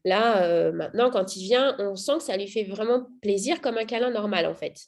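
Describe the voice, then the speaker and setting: A mother telling how her child has changed, speaking casually with frequent pauses, fillers and restarts. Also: medium pitch, a little mellow. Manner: hesitant, many fillers and restarts. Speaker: mother giving a testimonial. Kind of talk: casual spoken testimonial.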